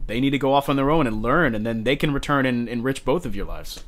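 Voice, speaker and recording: A man with a medium-pitched voice talks quickly in a casual conversation, his intonation swinging widely. He comes across as agreeable, doubling up words to stress a point. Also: lively intonation. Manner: agreeable, repeats words for emphasis. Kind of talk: casual chat.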